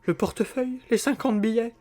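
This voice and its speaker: A man's voice: very high-pitched, a little fast, darkish tone, faint music behind, pitched above the performer's own voice. A man voicing a flustered, gullible middle-aged husband in a read-aloud story. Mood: dismayed. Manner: flustered, anxious.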